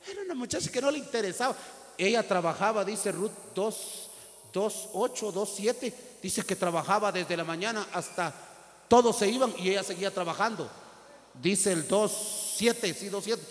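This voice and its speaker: A man preaching a sermon in a church service, who acts out little scenes in other voices and later prays loudly. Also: high voice, animated, normal speed. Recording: long hall reverb with music.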